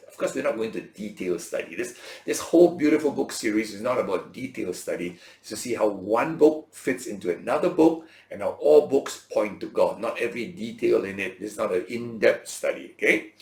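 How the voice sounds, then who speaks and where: The recording carries the echo of a large teaching space, where a man with a medium-pitched, darkish voice leads a relaxed Bible lesson. He dramatizes imagined people's words in everyday speech, checks in with his audience, and asks rhetorical questions.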